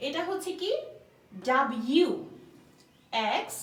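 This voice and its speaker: Woman teacher, high lively voice, patient repeat-after-me delivery, roomy sound from a distant mic. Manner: slow, patient, repeats each letter for students to copy. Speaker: English teacher. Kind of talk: spoken language lesson.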